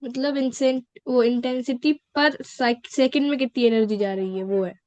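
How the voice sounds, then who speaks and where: A woman's voice: on the high side, fairly even intonation, moderate pace, dark tone, dry recording. A female student politely asking her teacher questions in class. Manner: polite, addresses teacher as sir. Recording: dry, dull lo-fi sound.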